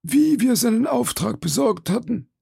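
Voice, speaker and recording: A man reading an audiobook puts on a nervous innkeeper who frets and bows to his betters. The voice sits high and gravelly, husky and dark in tone, and close and dry on the mic. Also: very animated, normal speed, no room sound, heavily acted. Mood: fretful. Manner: fretful, servile. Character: anxious, deferential male innkeeper, middle-aged.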